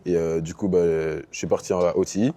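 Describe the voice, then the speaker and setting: Casual in his interview answers, the young adult basketball player from Paris drifts into English basketball terminology. His voice is low-pitched and mellow, fairly quick, with fairly even intonation.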